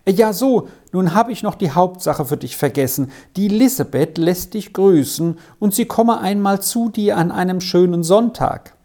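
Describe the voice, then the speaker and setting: A storybook reader voicing Sally, a lively young schoolgirl who talks quickly and eagerly. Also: mid-range voice, pitched above the performer's own voice, lightly acted.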